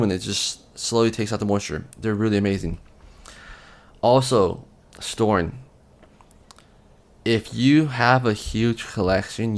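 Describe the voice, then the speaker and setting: A man with a fairly low voice talks straight to camera, offering casual collecting advice. His delivery is relaxed and rambling, full of ums and restarted phrases. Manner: relaxed, rambling, repeats himself, frequent ums. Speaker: collecting channel host.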